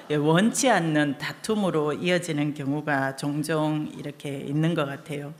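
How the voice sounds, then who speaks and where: A woman pastor preaching a sermon in a warm, conversational way, with a lower pitch than most women. She tells a humorous story before drawing the lesson from it, asking listeners questions along the way.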